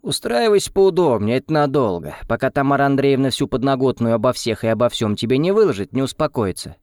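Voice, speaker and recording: A man reading an audiobook, voicing a gruff older husband who brushes off gossip and teases. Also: mid-range voice, big pitch swings, quick pace, a little mellow, no echo, clean studio sound, pitched above the performer's own voice. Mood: teasing. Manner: dismissive, jokey.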